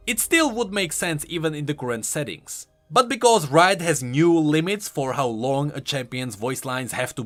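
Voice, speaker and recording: Game lore voice-over from a male video host whose tone is fairly bright and pitched on the high side. He sounds eager and chatty throughout.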